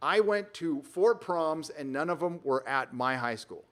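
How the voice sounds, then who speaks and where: A man's voice: fairly high pitch, animated, a little slow, fairly bright tone. A man from Southern California hosting a casual livestream from a rented home on the road, reading out viewer donations and talking in an emphatic, rambling way with frequent restarts. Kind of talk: casual live-stream commentary.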